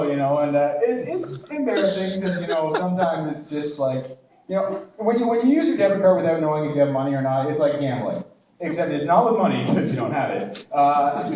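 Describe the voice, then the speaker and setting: A young man from Canada doing a crude, rambling, self-deprecating stand-up set in a comedy club, full of "like" and "you know.". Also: fairly high pitch. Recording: echoey club, distant mic, crowd laughter.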